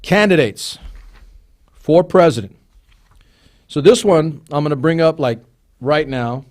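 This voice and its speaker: A man's voice: a little high, animated, unhurried, a little mellow. A man hosting a live stream, talking casually and reading a list of names with asides. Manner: chatty, digressive, reads names off a list. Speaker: host.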